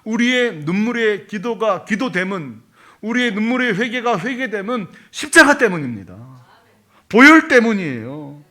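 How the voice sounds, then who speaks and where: Male pastor, middle-aged, high and lively voice, emphatic sermon that swings between loud and hushed. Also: moderate pace. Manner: emphatic preaching with dramatic quoted prayers, swinging from loud to hushed.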